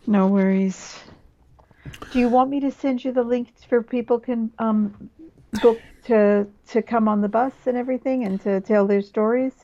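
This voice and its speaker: A woman's voice: a little high, fairly even intonation, warm tone. A woman chatting easygoingly as a podcast guest through a headset mic that makes her sound muffled, as if inside a sleeping bag, with a rustling. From Australia. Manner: easygoing and agreeable, quick to reassure. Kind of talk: casual chat. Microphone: headphones with a built-in mic.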